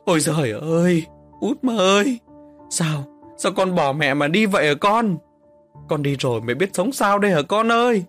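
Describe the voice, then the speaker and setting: A man's voice: sits high, lively intonation, normal speed, a bit bright, soft background music, pitched above the performer's own voice. A man voicing a grieving peasant mother wailing over her daughter. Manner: wailing, sobbing.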